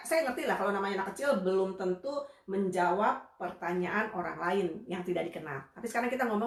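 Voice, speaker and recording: A woman behavior analyst giving a casual, conversational live lesson to parents, chatty and full of tag phrases. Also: medium pitch. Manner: chatty, conversational, often tags phrases with "gitu ya". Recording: echoey room livestream audio.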